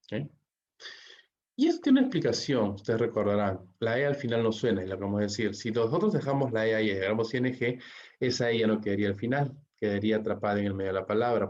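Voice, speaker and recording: A man's voice: on the low side, darkish tone. A man teaching English grammar to Spanish speakers, reading each rule in English and then explaining it in Spanish, with a constant "¿ok?" after nearly every phrase. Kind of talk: bilingual grammar lesson. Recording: dull lo-fi audio.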